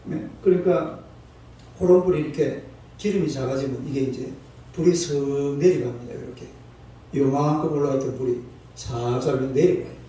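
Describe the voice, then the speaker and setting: A sixties-aged preacher delivers a folksy, scolding dawn sermon, urging his congregation to talk back. His mid-range voice is dark and moderately paced, heard through a distant mic in an echoing church hall with a little noise.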